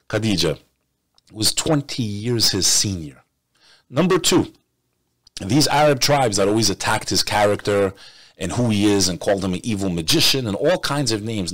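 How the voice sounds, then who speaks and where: A man's voice: on the low side, a bit bright, no echo. A man from the United States giving emphatic reaction commentary, often repeating phrases for stress.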